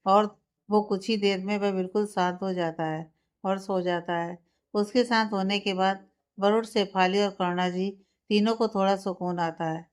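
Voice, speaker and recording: A woman narrating a family story in a calm, even reading manner. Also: mid-range voice, clear, resonant tone.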